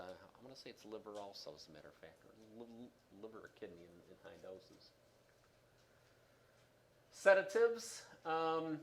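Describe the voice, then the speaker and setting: A man giving a classroom lecture on respiratory therapy, rambling with many fillers and restarts, loud and quiet by turns, trailing off at the ends of sentences. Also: medium pitch, a little hiss or hum.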